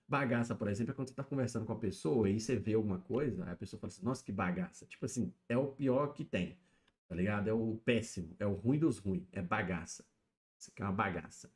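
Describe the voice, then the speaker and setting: A man's voice: lowish voice, fast, a little mellow. A man chatting casually alone on a live stream, explaining things and checking in with his viewers. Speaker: YouTube streamer. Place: home setup, alone.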